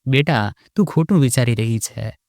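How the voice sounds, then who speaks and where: A man voicing a gentle old mother-in-law who pleads through tears. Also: medium pitch, normal speed, no echo, clean studio sound, lightly acted. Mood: tearful. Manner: crying, pleading.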